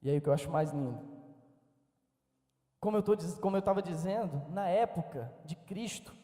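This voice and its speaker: A man's voice: high-pitched, lively intonation, moderate pace, mellow. A man preaching a sermon, telling stories and breaking into urgent exhortation. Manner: storytelling, quoting people in dialogue, rising to exhortation. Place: large church hall. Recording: echoey church hall with long reverb.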